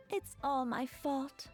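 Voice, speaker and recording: A soft-spoken young lady in a game, gentle and polite. Her voice sits fairly high, with light music behind. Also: full character voice. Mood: apologetic. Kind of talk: video game voice acting.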